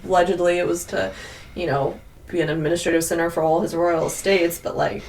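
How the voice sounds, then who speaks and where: Rambling through casual chat and stories, this paranormal podcast co-host leans heavily on "like." Her voice is lowish, darkish, and steady, and she talks briskly. It's recorded on a distant mic with noise in the background.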